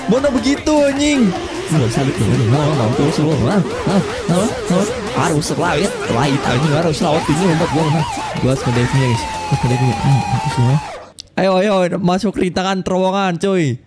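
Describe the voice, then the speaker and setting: A young man with giving loud, swearing, jumpy Minecraft commentary and teasing his co-player. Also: a little high, normal speed, loud music behind the voice. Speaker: gaming YouTuber. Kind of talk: excited casual Minecraft commentary.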